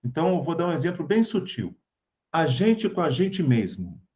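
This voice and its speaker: A Brazilian man gives an informal spiritual talk to a group over a video call, his voice fairly high and full of rises and falls. His tone is mellow and warm, and he keeps checking in with his listeners as he talks. The call audio is dull and lo-fi. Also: big pitch swings, moderate pace. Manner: chatty, keeps checking in with tag questions. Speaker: spiritist study group speaker.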